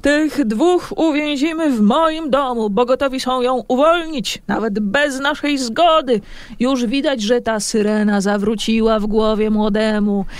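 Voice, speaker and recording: A man's voice: very high voice, measured pace, clean tone, no room sound, pitched above the performer's own voice. A man voicing a scornful, domineering fisherman who leads the village men, in an audiobook of a sea legend. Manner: sneering, domineering. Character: scornful greedy male fisherman ringleader.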